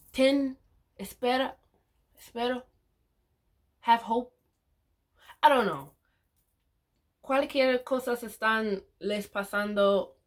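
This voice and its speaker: English-native woman, casual vlog in learner Spanish, unhurried, mid-pitched, hesitant with frequent self-corrections. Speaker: vlogger.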